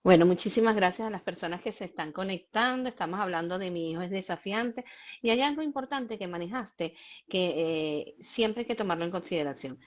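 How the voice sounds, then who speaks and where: A woman's voice: lowish voice, lively intonation, fairly quick. Emphatic woman hosting a lo-fi livestream. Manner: emphatic, explanatory, gives examples to parents. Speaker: host and child behavior specialist. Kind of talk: live-streamed conversation.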